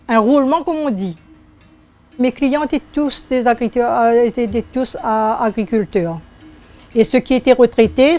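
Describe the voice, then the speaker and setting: Older woman from Réunion, high voice. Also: a little mellow. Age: 60s. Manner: unhurried, hesitant, searching for words. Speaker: shopkeeper interviewee. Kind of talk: oral history interview.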